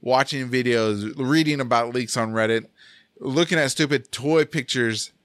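A man's voice: medium pitch, moderate pace, fairly bright tone, no echo, clean studio sound. A man hosting a casual podcast chat, laughing often and tripping over his words. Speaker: podcast host.

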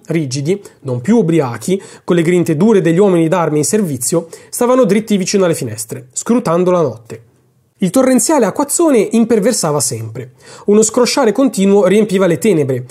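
Man, podcast reader, expressive literary narration, very lively intonation. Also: high-pitched, slightly rough. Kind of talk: literary reading aloud.

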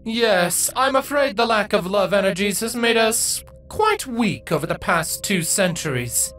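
A man's voice: high-pitched, lively intonation, fairly bright tone, faint music behind, voice pushed up. A man voicing a regal changeling queen. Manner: stately, measured and courteous. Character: regal, tall female changeling queen, composed and cordial.

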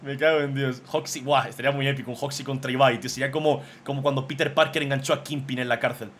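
Man, streamer, excitable, swears a lot, gushing. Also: mid-range voice, quick pace, slight background noise. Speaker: streamer reacting to fan drawings. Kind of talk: casual live commentary.

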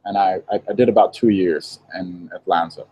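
A young man from Israel talks through a video call from inside a shop, his voice low-pitched and mellow. He tells his story in a relaxed way, with light laughs. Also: moderate pace, slight background noise, low-quality recording. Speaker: interview guest, vegan baker. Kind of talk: casual interview. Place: indoor shop with green wall. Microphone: earphone headset on video call.

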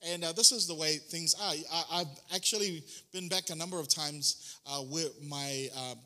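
Bright-voiced New pastor preaching. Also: male voice, on the high side, moderate pace. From New Zealand. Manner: chatty, self-deprecating, frequent ums and restarts. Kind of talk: sermon.

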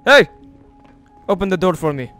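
A man streaming a mafia role-play game, excitable and bossy, shouting orders at his crew. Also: high-pitched, normal speed, smooth, soft background music.

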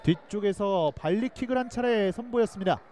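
Excitable high-pitched male football commentator. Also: a little fast, heavy background noise. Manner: excitable, shouts out chances and goals. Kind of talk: live football match commentary.

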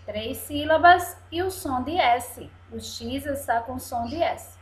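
A woman's voice: high-pitched, expressive, takes it slowly, slight background noise. A woman teacher gives a video lesson to young children, patiently drawing out each word syllable by syllable. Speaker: primary school teacher. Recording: echoey room sound.

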